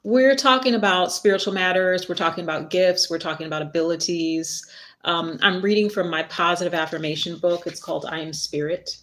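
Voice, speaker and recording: Hosting a live stream, this author and spiritual worker reads from her own book, rambling a bit and laughing at herself. She's a middle-aged woman, chatty and self-deprecating. Her voice is lowish, fairly even, a little fast, and a bit bright, with slight background noise.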